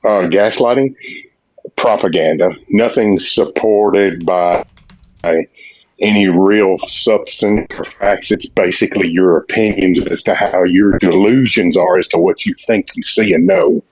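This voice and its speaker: A man's voice: low voice, unhurried, darkish tone, dry recording, lo-fi sound. A man in his sixties calling into a show, combative and accusatory, repeating his points. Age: 60s. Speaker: caller. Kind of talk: heated call-in argument.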